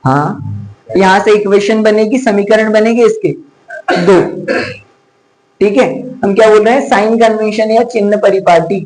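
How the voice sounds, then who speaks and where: A man's voice: sits high, normal speed, long pauses, darkish tone, low-quality recording. A man teaching a physics class, chatty and teasing, scolding students to focus and mixing in English terms. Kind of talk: classroom lecture.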